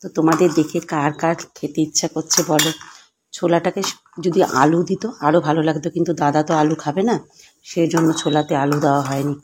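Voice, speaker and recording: A woman chatting to her viewers as friends in a casual home cooking vlog, sometimes speaking softly so as not to disturb the house. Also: deep voice, steady tone, fairly quick, slight background noise. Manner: speaks softly at times to keep quiet at home. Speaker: vlogger. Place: home kitchen. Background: clattering dishes and cutlery.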